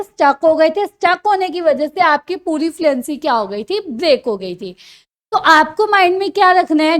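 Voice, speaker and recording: High-pitched woman teacher, lesson delivery, self-answering questions, addresses students as kids. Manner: asks questions and answers them herself; addresses listeners as children. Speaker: exam coaching teacher. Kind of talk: classroom-style lesson.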